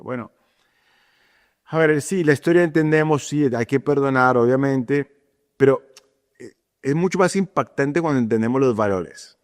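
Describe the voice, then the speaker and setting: A man's voice: medium pitch, darkish tone. Man teaching the Bible in a reverberant hall. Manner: conversational, checks in with listeners, many fillers and restarts. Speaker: preacher.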